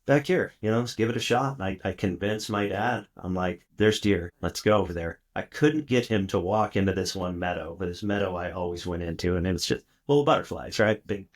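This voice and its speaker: As a podcast guest, a middle-aged man from South Texas tells stories in a very low voice, talking briskly with few pauses. His casual interview answers wander, packed with fillers and false starts.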